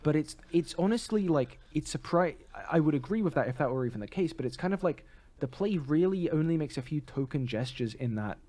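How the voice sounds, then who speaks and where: A podcast co-host offers articulate, opinionated commentary on theatre in casual discussion. His voice is warm, a little high and expressive, and he talks fairly quickly.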